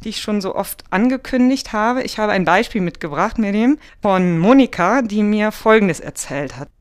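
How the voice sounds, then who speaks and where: A podcast host, talking in a measured, explanatory way. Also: medium pitch, lively intonation, clear, resonant tone. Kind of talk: podcast interview and scripted segment.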